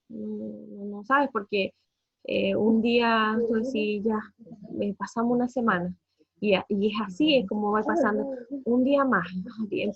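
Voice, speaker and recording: A woman in her thirties with a Chilean accent gives an emotional family testimony, halting, with many fillers and repeated words. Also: medium pitch, vocal fry, breathy edge, no echo, lo-fi sound. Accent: Chilean Spanish. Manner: halting, many fillers and repetitions, voice breaking with distress. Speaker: parent giving a family testimony.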